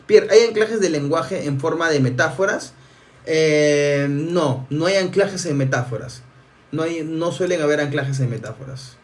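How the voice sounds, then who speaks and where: A man's voice: on the high side, a little slow, recorded from a distance. A man coaching on a live stream, talking energetically and restarting words often. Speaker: NLP coach. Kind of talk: live stream teaching, answering viewer comments.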